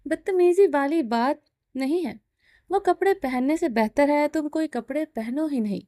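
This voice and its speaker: A woman's voice: high voice, dark tone, no room sound, studio quality, close to an everyday voice. Woman reading as Jahangir, possessive mafia boss. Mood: taunting. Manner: taunting, commanding. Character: domineering possessive male mafia boss, teasing.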